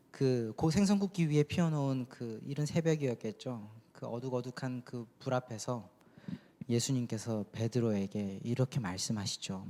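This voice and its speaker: A man's voice: medium pitch, a little mellow. A man preaching a sermon as youth pastor, talking conversationally and asking the congregation questions. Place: church sanctuary. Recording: long church hall reverb.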